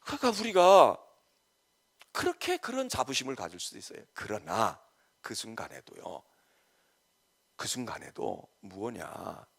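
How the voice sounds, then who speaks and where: Man, pastor, sermon, lively pitch, gravelly, emphatic then hushed. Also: unhurried, long pauses. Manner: animated preaching that drops to soft, quoted asides. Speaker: senior pastor. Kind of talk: dawn service sermon.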